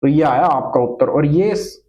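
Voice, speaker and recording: His voice is a little high and mellow, moving at normal speed over a rough recording. He's teaching math to a class, blending English terms into his Hindi as he patiently takes each step, asks questions and repeats what matters most.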